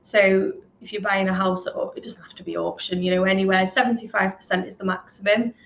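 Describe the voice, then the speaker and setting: A woman who works in business development at a lender talks very quickly with frequent fillers as she presents on a webinar and answers questions over a video call. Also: medium pitch, fairly even intonation, vocal fry, fairly bright tone, a little hiss or hum, poor audio. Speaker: finance business development manager.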